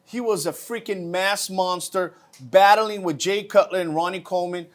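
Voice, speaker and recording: Enthusiastic high-voiced male co-host. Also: moderate pace. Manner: enthusiastic, praising. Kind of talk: casual interview talk.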